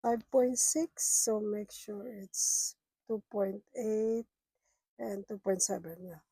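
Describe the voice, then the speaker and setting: A sick middle-aged woman vlogs about her budget, murmuring half to herself as she counts cash aloud in a casual way. Her medium-pitched voice is slow, gravelly and rough, warm with a breathy edge. The recording is dry and low-quality.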